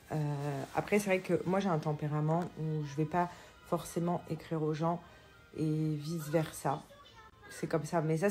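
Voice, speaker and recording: A woman, a mother and vlogger, talking candidly to camera in a casual chat and thinking aloud with frequent pauses. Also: deep voice, a little mellow.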